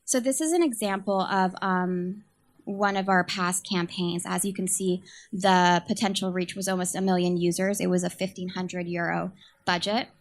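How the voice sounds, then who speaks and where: In a quiet, steady voice at normal speed, a young San Francisco woman makes a nervous startup pitch as communications manager, hesitating with plenty of ums and uhs.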